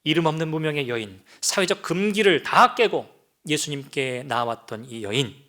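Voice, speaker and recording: A man's voice: on the high side, lively intonation, moderate pace, sharp tone. Korean man preaching a dramatic sermon. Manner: dramatic, rhetorical questions, acts out voices. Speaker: pastor.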